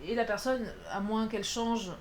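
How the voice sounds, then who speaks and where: Woman doing a tarot reading, kinda high voice, jokey and chatty, little bit of room noise. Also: steady tone, moderate pace. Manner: chatty, playful, self-mocking, many fillers. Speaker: tarot card reader. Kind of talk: casual spoken card reading.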